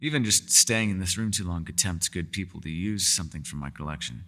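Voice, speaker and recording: A man with a low voice and a sharp tone plays a mysterious, powerful, secretive elf for a fantasy ASMR roleplay. His words are measured, formal and old-fashioned, swinging between teasing and world-weary. He comes across as guarded and earnest.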